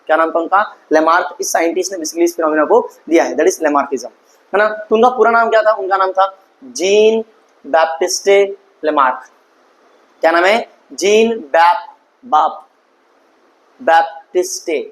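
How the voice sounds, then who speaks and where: A high-voiced man teaches an online lesson. He mixes English terms into his talk and reads English sentences out slowly. He keeps asking his students questions and then answers them himself. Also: low-quality recording. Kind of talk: online class lecture.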